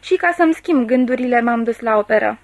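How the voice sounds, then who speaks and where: A woman's voice: fairly high pitch, expressive, dry recording, highs cut off. A woman voicing an overwrought young male poet in an audiobook reading, agitated and pleading. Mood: earnest.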